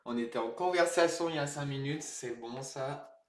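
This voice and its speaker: A man's voice: mid-range voice, normal speed. Chatty man streaming a card break, echoey room. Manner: chatty, laughs at himself, greets chat viewers. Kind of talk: casual live-stream chat.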